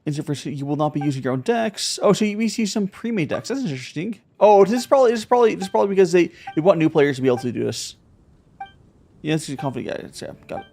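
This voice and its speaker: In this casual live gameplay commentary, a streamer talks through a card game, thinking aloud with many fillers and repetitions. The voice is warm, creaky, and animated, mid-range in pitch, and delivered at a quick pace.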